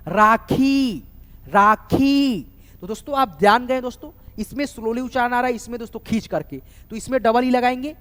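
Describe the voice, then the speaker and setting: A man giving a spoken lesson on writing names, spelling words out letter by letter and often checking back with his students. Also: high-pitched. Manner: keeps saying "doston" and "theek hai", spells words out letter by letter. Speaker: English teacher. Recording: reverberant room recording.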